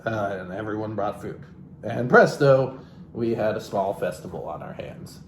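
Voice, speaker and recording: A man with a fairly low voice and some vocal fry reads a book aloud at a moderate pace, mocking the text and tossing in casual, sweary asides. He's the reader and host of a comic book reading. The room echoes and there's background noise.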